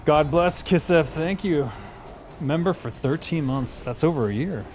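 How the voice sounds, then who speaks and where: A man's voice: on the high side, measured pace, a little mellow, faint music behind. A man on a livestream, talking over a headset mic while he plays a game, muttering to himself and thanking viewers. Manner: mutters to himself while playing, then speeds up to argue a point. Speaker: streamer. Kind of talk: casual gameplay livestream chat.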